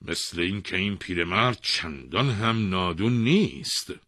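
A man voicing an angry, foolish king who shouts slow, drawn-out commands in a husky voice. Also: sits low, animated, no room sound, clean studio sound, full character voice. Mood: smug. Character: angry foolish male king, loud and bossy.

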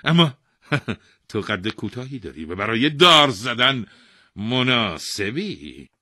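A man playing a loud, bossy, foolish king. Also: medium pitch, sing-song, no room sound, studio quality, pitched above the performer's own voice, full character voice. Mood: smug. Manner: shouting, drawn-out commands.

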